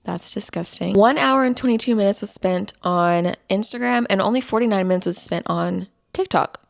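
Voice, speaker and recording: A young woman chats casually in a vlog, sounding a little stuffy-nosed and often dropping to a whisper. Her voice is mid-range and gravelly, and she talks at a moderate pace.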